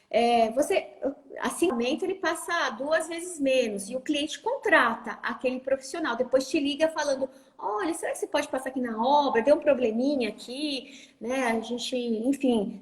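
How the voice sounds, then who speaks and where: A Brazilian woman talking as a guest on a live stream, animated and putting on little voices when she quotes other people. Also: high-pitched.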